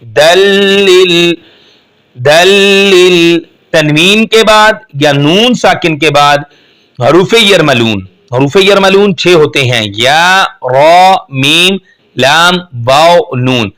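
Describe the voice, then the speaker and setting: A man teaching Quran recitation in Urdu, who patiently explains the rules step by step and then chants the verses slowly and melodically. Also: a little high, lively intonation, a bit bright. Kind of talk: slow step-by-step tajweed lesson.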